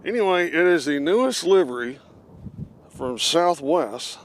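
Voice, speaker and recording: A man's voice: fairly high pitch, lively intonation, unhurried, a little hiss or hum. A man hosting a casual live stream outdoors at an airport, chatting and reading out viewer comments. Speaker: livestream host.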